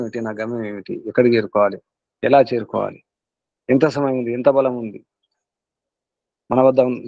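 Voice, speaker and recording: Speaking to his students in a spiritual class, a Telugu-accented guru exhorts them earnestly, going over the same points repeatedly. His voice is mid-range with a darkish tone, recorded without room sound and with the highs cut off.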